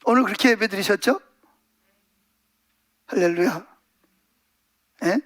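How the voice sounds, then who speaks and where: A male pastor delivering a Sunday sermon in a strikingly high voice. He preaches with animation, acting out scenes in other voices and calling out questions to his listeners. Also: measured pace. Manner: animated, acts out voices and asks the congregation questions.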